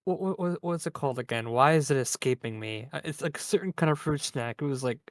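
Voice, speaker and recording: A podcast co-host in casual chat, rambling with quick deadpan asides. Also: mid-range voice, no room sound, clean studio sound.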